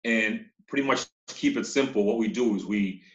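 Born in Uganda and raised in Massachusetts from childhood, this company CEO speaks at a moderate pace in a low voice. As an interview guest he tells stories in a casual, conversational way, captured in an echoey room with dull, muffled sound.

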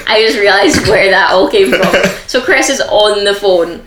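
A woman's voice: mid-range voice, moderate pace, echoey room, background noise. A woman co-hosting a podcast, chatting casually and laughing often as she recaps a reality show. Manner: laughs often, acts out quotes. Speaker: podcast co-host.

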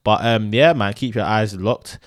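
A young man with an urban London roadman accent hosting a podcast in casual, slangy, animated and argumentative banter. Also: on the low side, a little slow, dry recording, clean studio sound. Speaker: podcast host.

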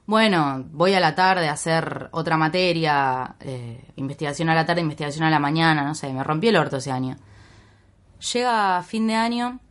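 A woman's voice: deep voice, moderate pace. A young woman with a Rioplatense Argentine accent telling a story in casual chat, acting out the dialogue and swearing freely. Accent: Rioplatense Argentine Spanish. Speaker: podcast guest.

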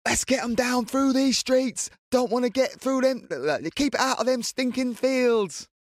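A man voicing a loud local woman who cheers on her side, with a shrill, high-pitched Essex accent and bossy, rousing yelling. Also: a little slow, dry recording, studio quality. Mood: rallying.

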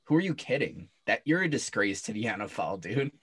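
A man's voice: on the low side, sing-song, brisk, fairly bright tone, slightly rough. A young man co-hosting a sports podcast, talking in an incredulous, sarcastic casual way. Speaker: podcast co-host.

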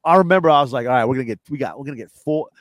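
A man who is a comedian and home cook, a guest in a casual interview, rambling fast with lots of fillers. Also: medium pitch, no room sound, dull audio.

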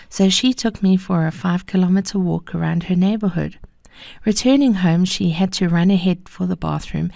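A woman host reading scripted personal reflections in a measured, unhurried, gentle storytelling manner. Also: fairly low pitch, creaky, no echo, clean studio sound. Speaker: host of a daily encouragement podcast.

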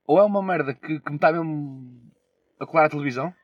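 A man's voice: fairly high pitch, fast talker, no echo, dull audio. A young man with a European Portuguese accent, chatting casually and slangily, with swearing, as a podcast co-host. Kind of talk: casual chat.

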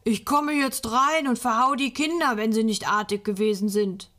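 A woman reading a storybook aloud, voicing a cheeky little boy who plays Saint Nicholas in a gruff, bossy, loud pretend-grown-up tone. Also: a little high, normal speed, natural voice.

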